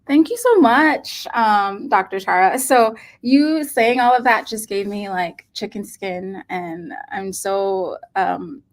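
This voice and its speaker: A woman in her thirties from Hawaii, speaking as a pediatric nephrologist guest in an earnest, unhurried way with many um fillers. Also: medium pitch. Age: 30s. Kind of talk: casual interview talk.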